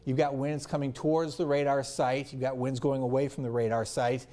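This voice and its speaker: Man giving live weather commentary, mellow voice. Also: medium pitch, flat delivery, fairly quick. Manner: unscripted, explains step by step. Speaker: weather presenter.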